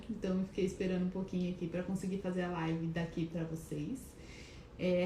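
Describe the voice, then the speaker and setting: A woman hosts a relaxed live stream from a clinic office, greeting viewers one by one and restarting her sentences as nerves show. Her voice sits in the middle range, and the room gives it a noticeable echo over a faint hiss. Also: medium pitch. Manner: chatty, greets viewers by name, hesitant restarts; calls herself shy and nervous. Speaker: wellness live-stream host. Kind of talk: casual live-stream talk. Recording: echoey room, faint background noise.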